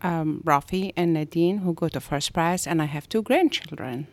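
An older woman from Egypt, a guest talking at an easy, unhurried pace with fillers. Her voice is low. The sound is dry and close. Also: no echo. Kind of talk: casual chat.

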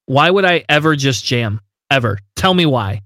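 A man co-hosting a casual game podcast, talking with emphatic disbelief and laughing often. His voice sits at an ordinary middle pitch. The sound is dry and close. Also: animated, normal speed, a bit bright, no echo. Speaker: podcast co-host. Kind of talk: casual tabletop game discussion.

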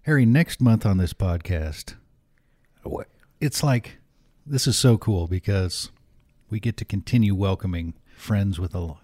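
A man co-hosting a podcast in casual chat, with a deep radio voice and an easygoing, teasing manner. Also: unhurried, mellow, no room sound, clean studio sound. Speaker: podcast co-host.

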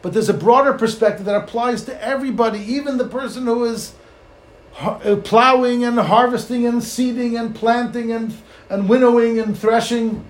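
A man's voice: very high voice, steady tone, normal speed. A man with gives a Torah sermon as a rabbi, telling stories emphatically, repeating phrases and asking rhetorical questions. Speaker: rabbi giving a Torah lecture. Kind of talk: sermon, Torah lecture with storytelling. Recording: echoey room, faint background noise.

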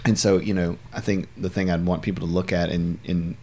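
A man's voice: deep voice, level tone, fairly quick, darkish tone, a little hiss or hum. A man co-hosting a podcast, speaking in an encouraging, reflective way with faith-centered remarks. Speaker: podcast co-host, counselor's supervisor. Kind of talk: casual podcast conversation.

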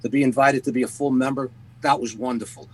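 A man hosting an interview, telling a story in a halting way with restarts. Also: medium pitch, fairly even intonation, breathy edge, poor audio. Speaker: podcast host. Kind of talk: conversational storytelling.

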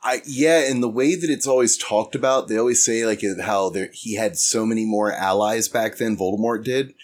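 A man co-hosting a podcast in casual chat, laughing a lot and jumping in with quick jokes. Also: lowish voice.

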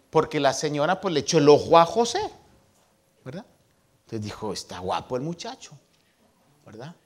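Man, preacher, folksy sermon, humorous, tag questions, lively pitch. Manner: slips English words into his Spanish. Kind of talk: sermon retelling a scripture story.

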